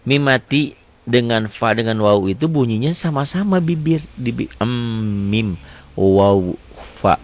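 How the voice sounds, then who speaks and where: A man teaching tajwid. He quizzes the class with his own questions and recites verse examples slowly and drawn out. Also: mid-range voice. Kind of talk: tajwid lesson.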